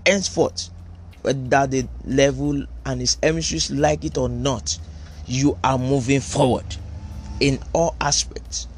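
A man preaching, giving forceful prophetic declarations over the listeners, repeating each phrase with emphasis. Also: mid-range voice, fairly even intonation, measured pace, slight background noise.

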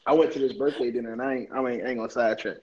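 A man's voice: medium pitch, steady tone, very fast, darkish tone, highs cut off, slight background noise. A man in his twenties co-hosting a podcast, talking in a laid-back, joking way. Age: 20s. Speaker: podcast co-host. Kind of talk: casual chat.

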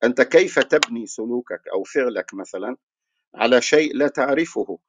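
A man's voice: mid-range voice, animated, fairly quick, background noise. A man giving a religious lecture, explaining his point through rhetorical questions that he answers himself. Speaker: religious speaker.

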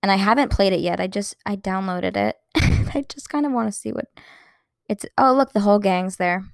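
Young female vlogger, 20s, excitable and gushing, dry close sound. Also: medium pitch, fairly quick, no echo. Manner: gushing, excitable, lots of "like" fillers. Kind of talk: casual chat to camera.

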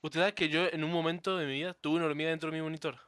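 A man's voice: on the high side, fairly even intonation, very fast, a bit bright, clean tone, no echo, studio quality. A man co-hosting a podcast, rambling casually and often restarting his sentences. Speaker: podcast co-host. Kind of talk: casual chat.

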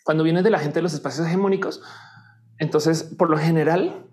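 A woman's voice: deep voice, fairly quick. A woman from Colombia with a Colombian accent, a guest chatting casually and acting out the voices she quotes. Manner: animated, acts out quoted voices, laughs often. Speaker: guest, youtuber and teacher. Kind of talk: casual chat.

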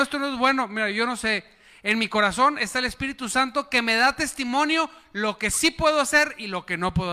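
In a large hall, a pastor with a very high-pitched, sharp voice delivers a sermon. His congregation is called to answer back, repeating his words and applauding on cue.

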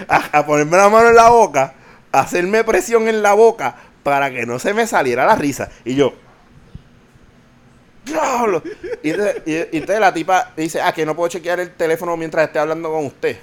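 A young man with a Puerto Rican accent hosting a podcast, ranting animatedly, swearing and mixing English into his Spanish. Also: on the high side. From Puerto Rico. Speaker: podcast host. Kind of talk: casual podcast chat.

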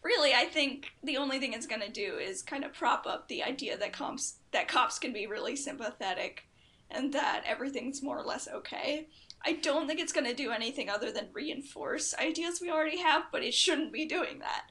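Casting: young woman, high-pitched, raspy and hoarse as if losing her voice, talkative podcast host. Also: animated, a little fast, bright, forceful tone. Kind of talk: casual chat.

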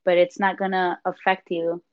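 A woman's voice: lowish voice, little pitch movement, normal speed, smooth. A woman co-hosting a podcast, chatty and explaining things at length in a casual way. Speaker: podcast co-host. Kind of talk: casual chat. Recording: dull lo-fi audio.

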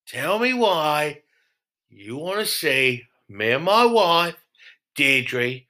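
A man's voice: a little high, bright, forceful tone. A man introducing his own comedy podcast in a casual, chatty, apologetic way. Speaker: podcast creator.

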